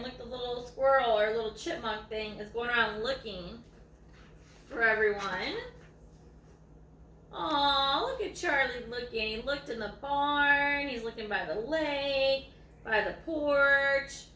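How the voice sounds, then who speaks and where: A woman reads a picture book aloud to children, her high-pitched voice sharp in tone and measured in pace, with chatty, cooing asides. The mic is distant in an echoey room, with faint noise.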